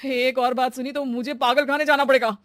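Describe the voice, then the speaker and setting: A man's voice: very high voice, flat delivery, a little fast, a bit bright, dry recording, studio quality. A man voicing a fed-up husband in a comedy cartoon, complaining and pleading in exasperation. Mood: fed up, dramatic. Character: exasperated middle-class husband, employer of a maid. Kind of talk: comic Hindi cartoon acting.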